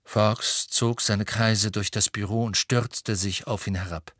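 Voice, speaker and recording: A man narrating an audiobook with steady, expressive storytelling. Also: fairly low pitch, a little slow, no room sound, clean studio sound. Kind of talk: audiobook reading.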